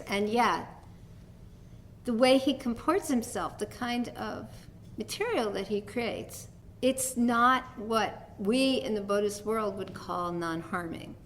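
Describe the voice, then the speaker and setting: A woman's voice: mid-range voice, a little hiss or hum. A middle-aged woman from New York with a New York accent, giving a conversational dharma talk as a teacher, telling stories with light laughs. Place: meditation hall talk.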